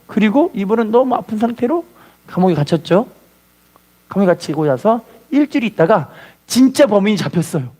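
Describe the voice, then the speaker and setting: A man preaching a sermon as a pastor, telling a story with lively call-and-response. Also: high-pitched, a little fast.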